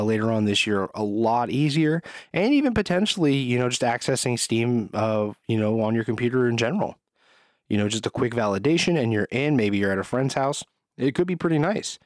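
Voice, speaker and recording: A man hosting a gaming podcast, reading out the news in a relaxed, filler-laden way, with music playing behind. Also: medium pitch, no room sound. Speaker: podcast host. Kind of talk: casual podcast news roundup.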